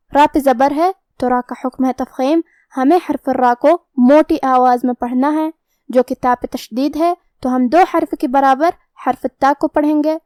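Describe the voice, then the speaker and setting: A high-pitched woman gives a patient, methodical recitation lesson, explaining each letter's sound rule one by one. Her voice is recorded close and dry, with no room sound around it. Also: darkish tone, no echo. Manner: explains each letter rule step by step, then recites verses slowly and drawn out. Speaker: Quran recitation teacher. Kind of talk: tajweed lesson, slow explanatory teaching.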